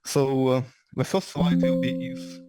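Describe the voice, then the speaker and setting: An invited engineer with a Ukrainian-Scottish accent gives a lecture to an audience in a lecture room. His medium-pitched English is halting and slightly ungrammatical, he often restarts sentences, and loud music plays behind him.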